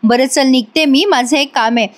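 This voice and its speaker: A woman's voice: high voice, moderate pace, natural voice. A woman voicing a scheming middle-aged mother who makes sly, flustered excuses.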